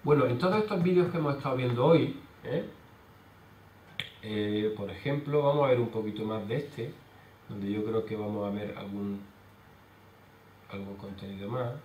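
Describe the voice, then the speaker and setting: Male lecturer, halting explanatory delivery, distant mic in a reverberant hall, faint background noise. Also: on the low side, darkish tone. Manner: explanatory, many hesitation fillers. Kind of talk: conference talk. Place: conference hall. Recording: roomy hall sound from far off.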